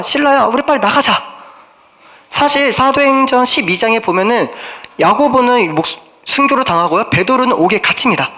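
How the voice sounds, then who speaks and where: A man's voice: extremely high pitch, bright, forceful tone. A young man from South Korea, a junior pastor preaching a sermon, who asks the congregation questions and voices prayers in the first person.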